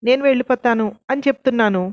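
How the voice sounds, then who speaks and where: A woman's voice: fairly high pitch, fast, no echo, highs cut off, voice pushed up, lightly acted. A woman narrator voicing a proud young man who argues while holding his temper. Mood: restrained irritation. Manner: restrained, arguing.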